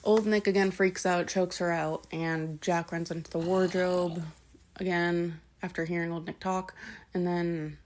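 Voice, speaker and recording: Woman vlogger rambling thru a book plot, lots of ums, swears casually, kinda low voice. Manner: rambling, filler-heavy, backtracks and corrects herself. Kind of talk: casual unscripted retelling of a novel.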